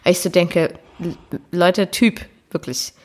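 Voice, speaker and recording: A woman's voice: fairly low pitch, fairly even intonation, unhurried. A woman in casual chat, voicing her own blunt opinion. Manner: listener with short reactions, then opinionated.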